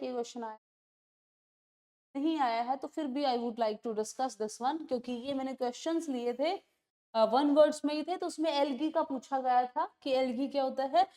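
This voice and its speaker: High-voiced woman teaching an exam class. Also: darkish tone. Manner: explains in Hindi mixed with English, asks "clear?" and reads definitions slowly. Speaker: English teacher. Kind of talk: exam-prep lecture.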